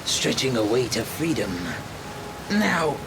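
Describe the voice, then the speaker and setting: Casting: taunting clown villain for radio drama, theatrical, extremely animated, slow, in cavernous echo with music and rain behind. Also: male voice, medium pitch, vocal fry, background noise, exaggerated voice. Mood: wry storytelling. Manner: theatrical, swinging between mutters, shouts and cackles. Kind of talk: amateur radio drama acting. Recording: echoey reverberant drama mix, loud music bed. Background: loud music, rain.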